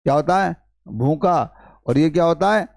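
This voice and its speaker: High-voiced male teacher. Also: normal speed, gravelly, a little mellow, no echo, studio quality. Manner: repetitive questioning, addresses students as brother. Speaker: English teacher. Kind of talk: classroom-style lesson.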